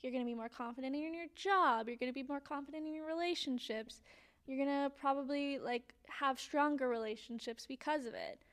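A woman's voice: high voice, a little fast, fairly bright tone. A young woman with a Valley girl way of talking, chatting casually as a podcast co-host. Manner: Valley-girl talk, peppered with "like" and "literally". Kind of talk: casual chat.

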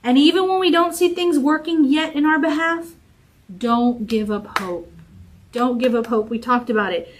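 A woman teaching a Bible study in a relaxed, conversational preaching style, repeating phrases to encourage her listeners. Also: high voice, normal speed, rough recording. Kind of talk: informal sermon.

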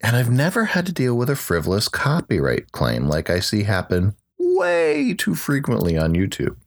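A man's voice: mid-range voice, wildly swooping pitch, moderate pace, gravelly. A man hosting a solo podcast, talking through his picks in an upbeat, conversational way with light jokes. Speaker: podcast host.

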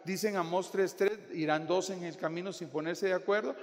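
Pastor, fairly high voice, playful preaching in a reverberant church. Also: male voice, fairly quick. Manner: joking, animated, addresses listeners as brother. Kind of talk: sermon. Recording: long hall reverb.

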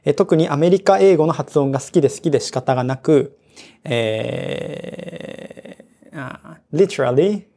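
A man with a gravelly, mellow voice reads out a listener's letter on a casual podcast. His delivery is easygoing, with chuckles between sentences. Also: a little high, quick pace, hardly any pauses. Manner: relaxed, chuckling, mixes Japanese and English. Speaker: podcast co-host. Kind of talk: reading a listener letter aloud, casual chat.

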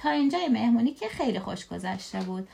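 A woman from Iran in her thirties reading a children's storybook aloud to her child, with expressive asides, music playing behind. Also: a little high, background noise. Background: clear music.

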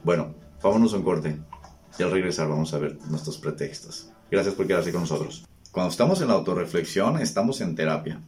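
Deep voiced guy hosting a talk, thinking out loud, asks lots of questions, restarts a lot. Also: lively intonation, brisk. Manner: conversational, rhetorical questions, frequent restarts. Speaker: host. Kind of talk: reflective monologue.

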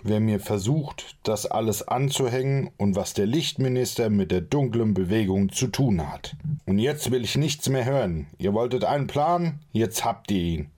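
A man's voice: medium pitch, moderate pace, hardly any pauses, pitched above the performer's own voice, natural voice. A man doing a short-tempered commanding leader. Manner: barking orders, scolding.

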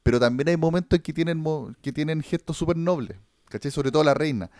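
Hombre chileno charlando, voz algo aguda. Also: male voice, on the high side, fast talker, darkish tone, no echo, clean studio sound. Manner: rambling, slangy, fillers like cachai and weón. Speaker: podcast host. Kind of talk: casual chat reviewing a series.

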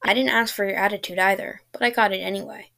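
A woman voicing a mysterious old British man who travels through time, calm and dry with a sarcastic edge. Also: mid-range voice, fast, creaky.

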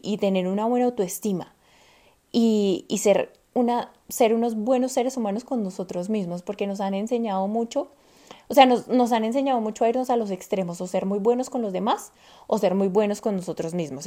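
A young woman co-hosting a casual podcast chat, lively and acting out the things people say to themselves. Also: mid-range voice. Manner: animated, acts out quoted self-talk. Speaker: podcast co-host.

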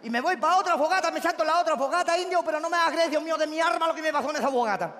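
A comedian with a Chilean Spanish accent playing a boastful, clownish young party-goer who rambles and shifts his voice with excitement. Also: very high-pitched, very fast, long reverb tail. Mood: excited. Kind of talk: comic storytelling sketch.

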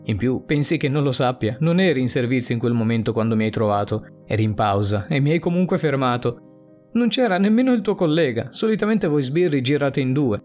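A man's voice: medium pitch, lively intonation, brisk, darkish tone, faint music behind, lightly acted. A man voicing a cold criminal who buries a policeman alive, speaking in a mocking, threatening way. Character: adult male criminal undertaker, cold and taunting.

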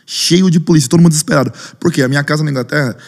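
A man's voice: fairly high pitch, very fast, long reverb tail. A man, a pastor and worship leader, telling a story in a podcast interview and acting out other people's lines. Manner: lively, acts out other people's lines in raised voices.

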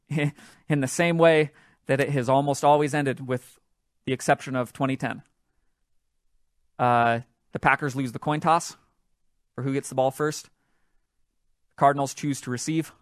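A man hosting a solo podcast, telling a sports story in an animated, excitable way that builds up with the action. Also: medium pitch, no room sound, studio quality. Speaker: podcast host.

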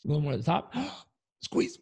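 A man being interviewed on a podcast as a coach, talking in an energetic, motivational way. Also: medium pitch, fairly quick, no room sound. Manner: energetic, motivational, leads breathing exercise aloud. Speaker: guest, coach.

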